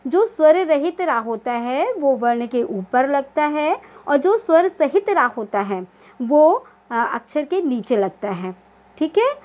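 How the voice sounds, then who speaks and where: Woman, primary school teacher, high voice, patient, checks understanding, sounds out syllables slowly. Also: expressive, darkish tone. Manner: slow, spelled-out syllables in word lists. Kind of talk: online class lesson.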